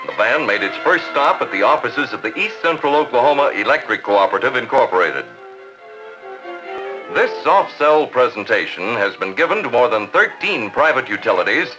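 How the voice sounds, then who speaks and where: A man's voice: medium pitch, pushed and bright, rough recording. A man narrating a 1950s corporate newsreel in a polished, promotional announcer manner.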